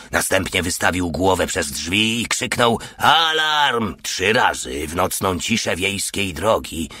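Deep bright guy reading a war audiobook, dry close sound. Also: husky, dry recording. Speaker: audiobook narrator. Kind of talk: first-person audiobook narration.

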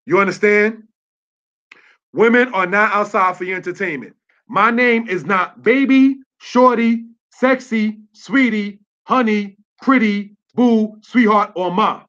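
A man's voice: high-pitched, takes it slowly, a bit bright, dull audio. A man giving a religious teaching in a preachy, streetwise way, often checking with "you understand?".

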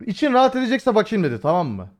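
A man's voice: high voice, huge pitch swings, rapid-fire. A young man streaming live, talking casually to his viewers, swearing freely and rambling with many fillers. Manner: swears freely and addresses chat directly. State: voice has been hoarse lately. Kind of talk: casual livestream chat.

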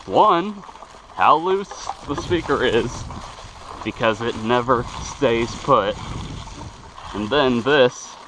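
Riding his bike outdoors through a wooded yard, a young man vlogs to a handlebar-mounted action camera, rambling and tripping over his words. His medium-pitched voice is bright and forceful, in a low-quality recording with a little hiss or hum.

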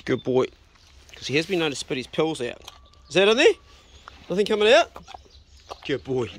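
Out on his rural homestead and in the bush, a New Zealand-accented homesteading vlogger in middle age describes his chores in a relaxed, practical way, urging his dog along with "good boy" and "mate." He speaks a little high at a moderate pace. His body-worn action camera recording carries a little hiss or hum.

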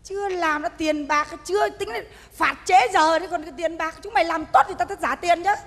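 A woman's voice: very high-pitched, fairly even intonation, a little fast, a bit bright. A woman, playing a stingy, bossy funeral host in a stage comedy sketch. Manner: bossy, scolding, northern speech. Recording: stage recording in a reverberant hall.

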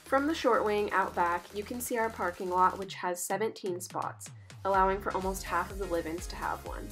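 A woman's voice: mid-range voice, moderate pace, a bit bright, faint music behind. A young woman giving scripted voice-over narration for a house tour, upbeat and informative. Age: young adult.

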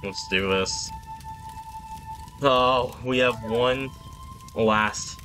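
An actor playing a gruff adult male video game character who rallies a group with slow, drawn-out calls. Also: mid-range voice, pushed and bright, faint music behind. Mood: grim resolve.

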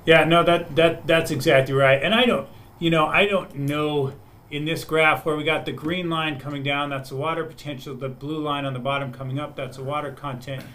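A man in a webinar panel discussion, explaining in a fairly high voice for a man. He talks through the data with lots of restarts and repeated words, and he sounds like he is speaking over a remote call microphone. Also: fairly even intonation, normal speed, fairly bright tone. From United States. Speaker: soil scientist panelist.

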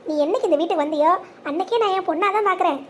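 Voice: extremely high pitch, very fast, slight background noise. A voice actor playing a kind, doting older mother-in-law in a family cartoon drama, speaking soothingly and reassuringly.

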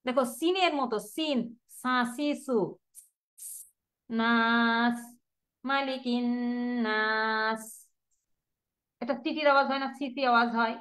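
A woman teaching Quran pronunciation in an online class, patiently repeating letter sounds slowly for her students over a video call. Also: fairly high pitch, a bit bright.

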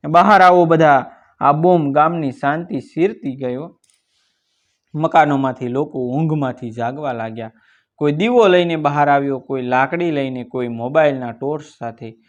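A man reading a village story aloud in a steady, measured narration. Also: medium pitch, muffled recording.

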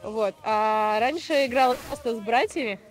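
A woman's voice: fairly high pitch, normal speed. A young woman chatting casually in an interview into a handheld microphone at an outdoor rink. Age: young adult. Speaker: player being interviewed. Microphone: handheld reporter microphone.

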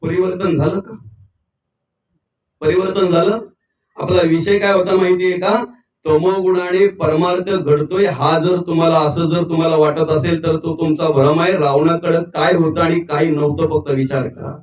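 A high-pitched man delivers a devotional sermon. He tells stories and acts out the voices of their characters, sometimes shouting. He is recorded from some distance in an echoing space. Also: level tone, normal speed. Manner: storytelling, acting out quoted voices, shouting at peaks. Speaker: kirtan preacher. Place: memorial gathering. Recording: echoey, from a distance.

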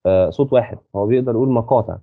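A man with an Egyptian Arabic accent teaching a university lesson. He reads English slowly, then explains quickly in Arabic, with many hesitant restarts, and checks that his listener has understood. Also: mid-range voice, no echo. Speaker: university lecturer. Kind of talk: lecture explaining a textbook, mixing Arabic and English. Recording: dry, phone-like audio.

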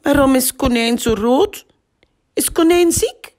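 Woman playing a little girl in a storybook: high, eager, calling out. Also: huge pitch swings, slow, exaggerated voice. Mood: puzzled.

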